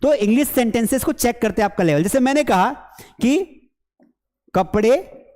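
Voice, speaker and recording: A man teaching a spoken English lesson for Hindi speakers, asking quick questions and answering them himself while urging viewers on. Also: very high-pitched, lively intonation, a little mellow, big-room sound. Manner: urges viewers on.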